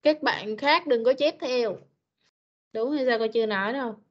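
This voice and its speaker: A woman's voice: fairly high pitch, moderate pace. A woman with a Vietnamese accent teaching English vocabulary to children in an online class, patiently repeating words to drill pronunciation. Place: online meeting. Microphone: video call. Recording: dull lo-fi meeting recording.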